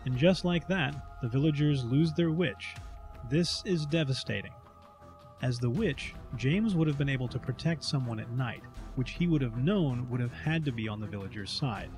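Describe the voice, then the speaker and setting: A man narrates a game recap in a scripted style. His voice sits at an ordinary middle pitch, with light music underneath. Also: animated, normal speed, a little mellow.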